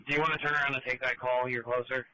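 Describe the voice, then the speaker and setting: A man's voice: mid-range voice, flat delivery, rapid-fire, sharp tone, no echo. A man, a police officer, speaking over a public safety radio, reading terse codes and call numbers. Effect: heard over a public safety radio. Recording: dry, muffled radio transmission.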